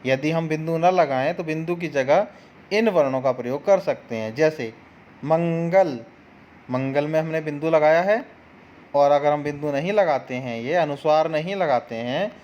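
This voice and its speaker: A man's voice: fairly high pitch, a little slow, a little mellow, muffled recording. A man teaching an online grammar lesson, patient and explaining each sound one by one.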